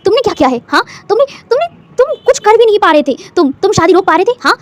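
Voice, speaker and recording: Storybook grandma, elderly and stubborn, loud and boastful, read by a woman, quick delivery. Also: high voice, big pitch swings. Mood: scolding. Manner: shouting, scolding, boastful.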